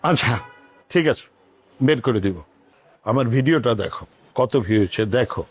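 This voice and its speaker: A man's voice: medium pitch, animated, moderate pace, soft background music. An actor playing an easygoing, middle-aged father who placates his wife and daughter. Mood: placating. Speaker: father and husband. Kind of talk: TV drama acting.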